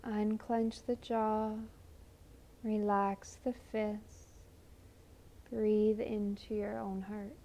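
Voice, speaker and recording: A woman with a mid-range voice and level tone leads a guided meditation. Her manner is gentle, soothing and unhurried, with long pauses.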